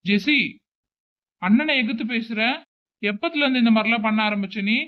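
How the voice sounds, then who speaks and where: A man's voice: very high voice, normal speed. A man playing a strict, protective older brother who scolds his sister with a raised voice. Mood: scolding. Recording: tinny phone-like recording.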